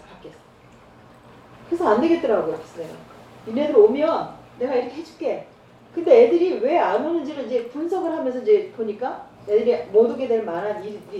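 A woman's voice: sits high, dull audio. Woman preaching in an echoey church hall. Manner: storytelling, acts out dialogue with lively voices. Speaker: evangelist preacher. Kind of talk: church training talk with anecdotes. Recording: roomy church hall, far from mic, faint noise.

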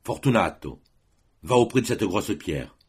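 A man's voice: lowish voice, animated, a little slow, darkish tone, breathy edge, exaggerated voice. A man voicing a stern middle-aged Corsican father who speaks in cold, terse commands.

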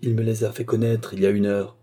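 A man's voice: lowish voice, flat delivery, fast talker, dark tone, close to an everyday voice. A man voicing a young man, cousin of a dying marquis, speaking firmly and with heat. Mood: pleading.

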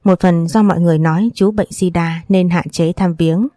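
A woman narrating a first-person audiobook story in a steady, sorrowful reading voice. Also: on the low side, moderate pace, no room sound.

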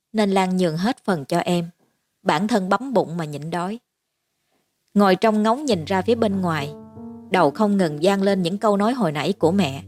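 A woman narrating a horror story in a steady, even reading voice of medium pitch. Faint music runs quietly beneath her.

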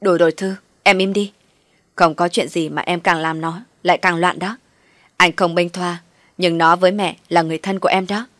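A woman's voice: fairly low pitch, steady tone, moderate pace, a bit bright, dry recording, natural voice. A woman voicing a stern, disappointed young man who scolds in a firm, raised voice.

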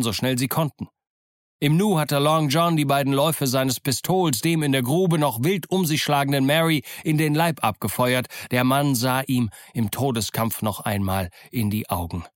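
A male audiobook narrator reads an adventure novel as scripted first-person narration, using a measured, even storytelling voice of middle pitch. The recording is close and dry, with no room sound or echo.

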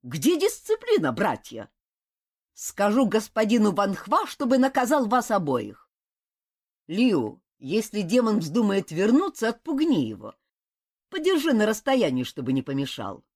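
A woman's voice: medium pitch, wildly swooping pitch, a little slow, darkish tone, voice pushed up, exaggerated voice. A woman voicing a self-important elder boy who preaches and gives orders. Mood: stern. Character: haughty elder boy leader, preaching, commanding.

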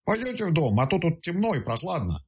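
A grumbling village woman dragged out of bed in the middle of the night, as a male storyteller puts her on, sleepy and cross but eager to talk. Her voice sits well above his own, lively in its rise and fall, with a husky edge. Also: low voice, quick pace, voice pushed up, exaggerated voice. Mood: sleepy chatty. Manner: grumbling, then frightened and chatty.

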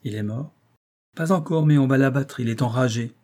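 A man reading an audiobook, voicing a polite, cunning gentleman detective who speaks courteously and with insinuation. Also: mid-range voice, normal speed, close to an everyday voice.

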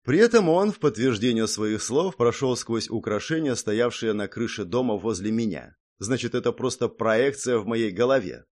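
A man reading a first-person audiobook in a steady, matter-of-fact way, with wry asides. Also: on the low side, normal speed, hardly any pauses. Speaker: audiobook narrator.

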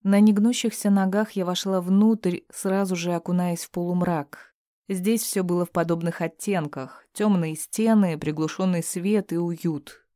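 Mellow woman narrating an audiobook. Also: on the low side, fairly even intonation, a little slow, no echo, studio quality. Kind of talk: scripted narration.

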